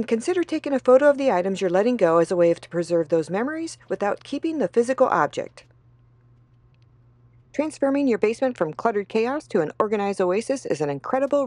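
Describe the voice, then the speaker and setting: A woman in her thirties narrating a home decluttering vlog in a calm, steady voice-over. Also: a little high, no echo. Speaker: home organizing vlogger.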